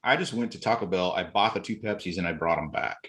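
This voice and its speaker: A man telling stories in a relaxed podcast chat, acting out quoted exchanges with bursts of energy. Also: low-pitched, quick pace. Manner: animated retelling, acts out quotes, occasional laughs. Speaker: podcast guest. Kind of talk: casual storytelling.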